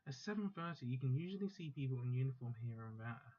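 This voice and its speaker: This man speaks fast at a medium pitch, with a darkish, near-everyday tone and lively intonation, as he reads a visual novel's first-person narration voiced as a proud teenage girl magus. He stumbles and fixes his mistakes; the sound is dull and lo-fi, with faint music and slight background noise.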